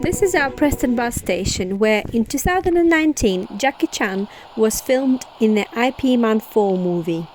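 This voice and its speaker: A woman's voice: a little high, animated, moderate pace, few pauses, rough recording. A woman vlogger giving scripted, informative travel narration. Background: music.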